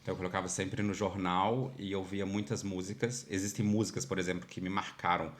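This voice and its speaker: There's slight background noise as a deep-voiced man talks fairly quickly. He's a podcast guest from Minas Gerais with a Brazilian Portuguese accent, an animated storyteller in a casual interview whose speech is thick with fillers like "tipo" and "sabe."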